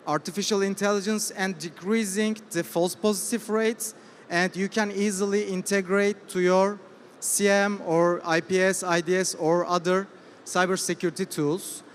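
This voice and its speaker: High-pitched Turkish-accented man in reverberant hall. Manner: halting, hesitant English. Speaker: startup presenter. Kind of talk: business pitch presentation. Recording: reverberant hall with faint noise.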